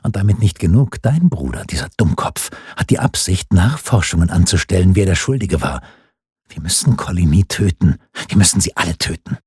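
A man voicing a scheming, ruthless older queen mother with a husky, cold and commanding voice. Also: sits low, lively intonation, fairly quick, a little mellow, no room sound, clean studio sound, exaggerated voice.

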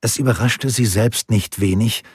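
Brief: male audiobook narrator, steady and measured, very raspy timbre. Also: lowish voice, no room sound, studio quality.

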